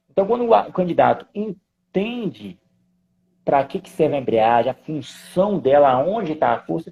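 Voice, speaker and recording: A man with a Brazilian Portuguese accent, a driving instructor talking in an animated, joking way. His voice is a touch high and has a gravelly edge. The sound is somewhat dull and lo-fi. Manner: animated, jokey, reads viewer comments. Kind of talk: casual chat in a live stream.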